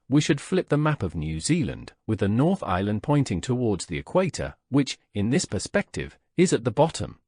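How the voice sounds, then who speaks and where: Man giving a lively, measured lecture. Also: mid-range voice, dry recording, clean studio sound. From Slovakia. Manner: measured, deliberate delivery with rhetorical questions. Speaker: lecturer, vice president of a research institute. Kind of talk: prepared conference lecture.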